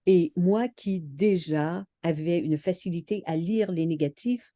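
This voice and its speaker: A woman in her seventies telling memories from her childhood in a relaxed, reflective way, with frequent hesitations. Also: fairly low pitch, unhurried, no room sound. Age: 70s. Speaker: interviewee. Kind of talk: casual storytelling.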